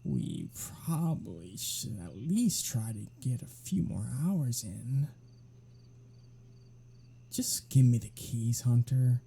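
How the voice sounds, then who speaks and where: In a one-sided ASMR roleplay audio drama, a performer plays a sardonic vampire predator who is teasing and unrepentant. The medium-pitched voice is very husky and breathy, dark and soft, very animated and heavily acted. The words come slowly and casually, with swearing mixed in.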